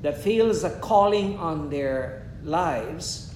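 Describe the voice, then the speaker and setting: A man, preaching in short measured phrases and pausing after each one for an interpreter. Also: expressive, a little mellow. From Guyana. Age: 70s. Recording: echoey room with a faint rumble.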